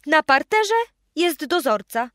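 A woman playing a hurried, flustered mother. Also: sits high, big pitch swings, fairly bright tone, no echo, studio quality, voice pushed up, exaggerated voice. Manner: hurried, fretful.

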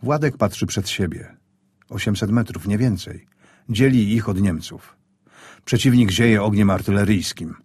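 A man reading a wartime story aloud in a grave, measured, tense manner. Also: on the low side, a little mellow, slightly rough, no echo, studio quality. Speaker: audiobook narrator. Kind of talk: scripted wartime story narration.

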